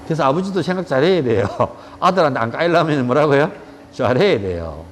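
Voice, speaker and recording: A middle-aged man with a Gyeongsang accent lectures on yoga in a blunt, joking way, with coarse slang. His fairly high voice leaps up and down with lively energy. The sound rings with a long reverb and a faint hum of room ambience behind it. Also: a little fast. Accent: Gyeongsang Korean. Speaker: yoga teacher. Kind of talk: casual lecture with anecdotes.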